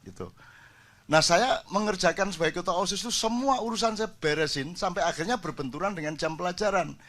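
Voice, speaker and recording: A man's voice: high voice, a little fast, a bit bright. An older man, telling jokey stories in a casual sermon to a gathering. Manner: jokey storytelling, switches into Javanese. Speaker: preacher.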